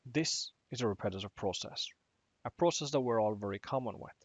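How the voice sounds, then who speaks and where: A man giving a technical training lecture on IT management, speaking in a measured way and slowing down to stress key words. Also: fairly low pitch, dry recording.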